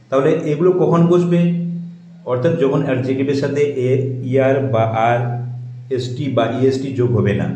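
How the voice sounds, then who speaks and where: A man's voice: medium pitch, mellow, slight background noise. Man teaching grammar in an echoey room. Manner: asks questions and answers them himself, repeats points slowly; reads English example sentences slowly and carefully. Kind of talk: explaining a grammar lesson.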